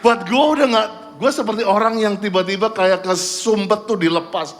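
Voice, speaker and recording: A middle-aged man preaching as a pastor, telling a lively story, mixing in English phrases and shouting out quoted cheers. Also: sits high, normal speed, soft background music. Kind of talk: sermon storytelling. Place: church service.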